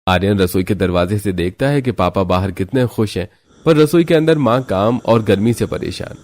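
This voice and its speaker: A man narrating a scripted family story in a steady storytelling manner. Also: fairly low pitch, moderate pace.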